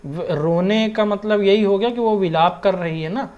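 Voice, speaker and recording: A man's voice: high voice, normal speed, lo-fi sound. A young man explaining Hindi grammar in a casual lesson, often checking in with his listeners and mixing in English words. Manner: conversational, keeps checking in with "theek hai". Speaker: exam prep teacher.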